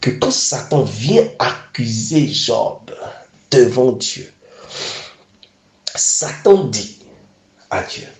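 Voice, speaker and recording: A man's voice: medium pitch, very animated, very slow, long pauses, a little mellow. A man preaching a sermon, emphatic and repeatedly calling his listeners beloved. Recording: echoey room.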